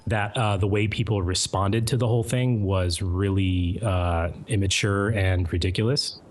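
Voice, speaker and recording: Male interview guest, lower voice, measured and hedging, casual chat. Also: fairly even intonation. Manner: measured, hedging, lots of fillers. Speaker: guest mod author.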